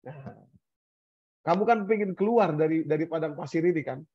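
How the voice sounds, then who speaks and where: A man giving an Islamic study sermon, speaking in an animated way and acting out the complaints of older people. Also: on the high side, moderate pace, slightly rough, dry recording, highs cut off. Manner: animated, acts out complaints of the elderly. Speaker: Islamic preacher.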